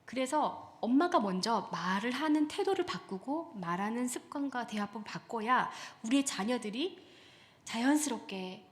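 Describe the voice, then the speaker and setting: A woman's voice: fairly high pitch, normal speed. A middle-aged woman giving a conversational sermon on talking with teenagers, acting out what parents say. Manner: acts out parent and child quotes in lively voices; conversational, addresses the audience directly. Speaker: church staff speaker. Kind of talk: Wednesday sermon on parenting teens.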